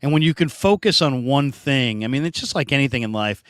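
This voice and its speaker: A man hosting a casual sports talk show, animated and jumping up in pitch for emphasis. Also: brisk, clean tone, no echo, clean studio sound.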